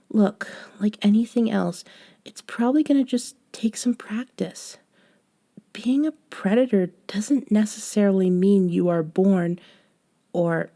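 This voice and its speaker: In a scripted, one-sided audio roleplay, a woman plays a young woman intimately coaching her friend. Her mid-range voice is soft and mellow, unhurried, measured and patient, with an earnest, coaxing tone and a bossy, gently chiding edge.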